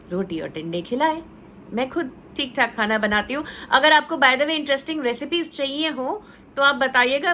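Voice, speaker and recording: Woman teacher, bright and slightly high voice, chatty storytelling parenting advice. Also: a little hiss or hum. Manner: conversational, mixes English words into Hindi; storytelling with acted quotes.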